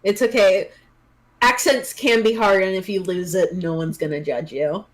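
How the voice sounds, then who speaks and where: A woman narrating as game master of a tabletop role-play session, encouraging and quick to laugh. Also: mid-range voice. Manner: lively and encouraging, laughs often.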